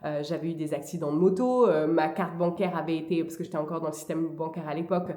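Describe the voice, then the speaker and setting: A woman talking casually and hesitantly in a vlog, with frequent pauses as she gives advice. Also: sits low, mellow. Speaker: vlogger. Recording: echoey room.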